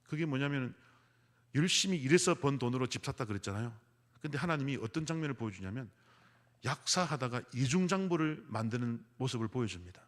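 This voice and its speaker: Korean pastor preaching in a reverberant sanctuary. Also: male voice, medium pitch, expressive, brisk, fairly bright tone. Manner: storytelling, acting out quoted voices. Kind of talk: sermon. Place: large church sanctuary. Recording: long hall reverb.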